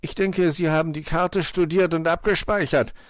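A man's voice: on the high side, fairly even intonation, normal speed, no room sound, clean studio sound, voice pushed up, close to an everyday voice. A man doing a sly, polite male fox. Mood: knowing. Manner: polite, mildly amused.

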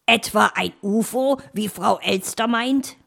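A woman's voice: medium pitch, takes it slowly, creaky, fairly bright tone, full character voice. A woman voicing a kindly, good-humoured male fox in a children's audio story, chuckling and easygoing. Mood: jovial.

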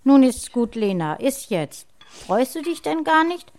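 A woman's voice: high-pitched, sing-song, measured pace, darkish tone, voice pushed up, heavily acted. A woman voicing a stern mother in her late thirties who scolds her children firmly. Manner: firm scolding tone.

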